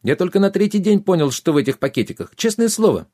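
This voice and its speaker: A man's voice: high-pitched, very animated, fast, warm tone, dry recording, clean studio sound, voice pushed up. A man voicing a frightened young runaway squire, whiny and pleading.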